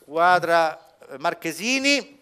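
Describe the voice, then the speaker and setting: A man's voice: a little high, sing-song, takes it slowly, pushed and bright, clean tone. A middle-aged man hosting a live quiz with showy, teasing game show delivery. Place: small TV studio with seated audience. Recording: studio quiz with audience.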